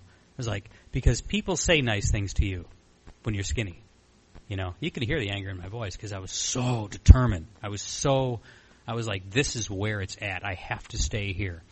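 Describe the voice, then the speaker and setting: Speaking at a recovery meeting, a mid-40s man gives an informal, rambling testimony, candid and self-deprecating. His voice is husky and on the low side, captured in a low-quality recording.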